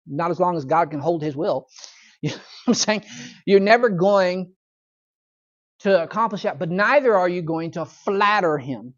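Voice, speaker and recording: Chuckling pastor telling a story. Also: male voice, sits high, animated, normal speed, pauses often, muffled recording. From United States. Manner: chatty storytelling, chuckles often, asks the room questions. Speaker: pastor teaching a Bible study. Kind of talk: conversational Bible lesson. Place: church Bible study class.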